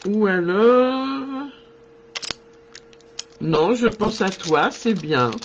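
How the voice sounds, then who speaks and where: A man leads a live card-making tutorial, speaking very slowly, talking to his viewers and thinking aloud as he works. His high voice swoops lively up and down. The recording is slightly dull and lo-fi, with a little hiss or hum.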